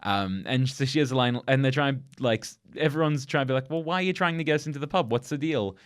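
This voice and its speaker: Speaking quickly in a clear, resonant mid-range voice, a podcast co-host keeps his film-review chat casual, with plenty of laughter and frequent restarts.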